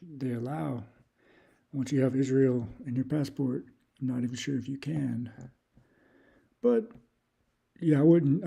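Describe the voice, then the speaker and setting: A man's voice: medium pitch, gravelly, breathy edge. A man streaming casual commentary, reading off a long list and thinking aloud with hesitant restarts. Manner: reads off long lists in a steady run. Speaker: YouTube creator.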